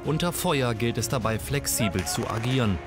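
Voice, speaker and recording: Guy doing scripted military report voiceover, mid pitch, loud music under it. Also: animated, normal speed. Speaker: narrator. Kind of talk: scripted military documentary narration. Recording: voice-over with loud music bed.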